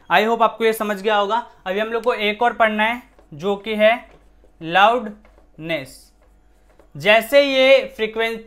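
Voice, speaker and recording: A man's voice: sits high, fairly bright tone. Male science teacher, casual, repeats and self-questions. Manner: repetitive, rhetorical questions, shifts voice to demonstrate. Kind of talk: casual classroom explanation.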